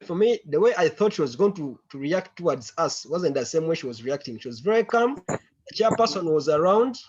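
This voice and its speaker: A man's voice: a little high, big pitch swings, darkish tone, slightly rough. Man on a conference call. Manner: halting, repeats words while searching for them. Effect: heard over a conference call. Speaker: meeting member giving a briefing. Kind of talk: briefing a committee meeting. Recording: muffled, lo-fi online call audio.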